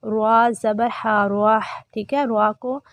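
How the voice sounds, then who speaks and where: A woman teaching prayer recitation online, chanting phrases slowly and carefully, then explaining pronunciation in quick asides. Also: fairly high pitch, fairly even intonation, dry recording. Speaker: tajweed teacher.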